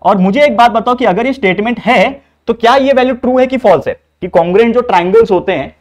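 A young male maths tutor from India with a fairly high voice, talking quickly through an exam-prep lesson. He keeps turning to the students with rhetorical questions and slips between Hindi and English as he explains each problem.

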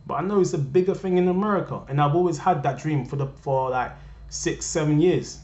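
With a fairly quick, high-ish and slightly mellow voice, a young Cameroonian vlogger delivers a personal rant to camera at home. He's impassioned and repetitive, speaking directly to viewers. The desk-webcam audio is roomy, dull and lo-fi.

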